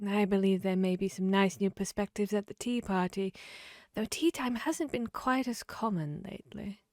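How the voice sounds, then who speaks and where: A woman's voice: medium pitch, darkish tone, no room sound, clean studio sound, lightly acted. A woman voicing a grinning, fickle cat from Wonderland, playful and riddling, in an ASMR fantasy roleplay. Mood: coy, riddling. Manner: slow, playful, riddling drawl. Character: grinning Cheshire cat, teasing, fickle, mad Wonderland creature.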